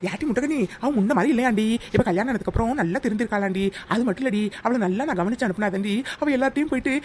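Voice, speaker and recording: Give me a vain, chatty young village wife in a cartoon, voiced by a woman, a bit high and very quick. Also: slight background noise, natural voice. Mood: boastful. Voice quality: loud, scolding village banter. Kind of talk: cartoon voice acting.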